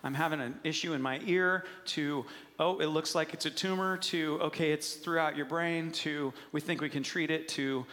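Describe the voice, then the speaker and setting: A man preaching a sermon as pastor, telling stories and acting out quotes with lively energy. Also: a little high, normal speed, in a large hall. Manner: animated storytelling with acted-out quotes.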